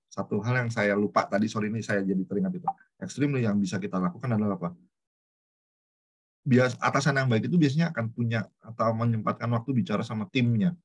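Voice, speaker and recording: Husky middle-aged man, slang speaker. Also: on the low side. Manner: lively storyteller, acts out dialogues, mixes in English words. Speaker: webinar speaker, HR manager. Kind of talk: casual webinar talk.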